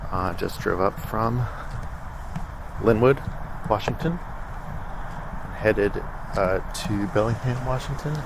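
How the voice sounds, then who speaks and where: Gravelly low man talking outdoors near traffic. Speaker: podcast host on location. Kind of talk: casual on-the-spot commentary. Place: outdoors arriving at a school. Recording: outdoor field recording with traffic. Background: street and vehicle noise.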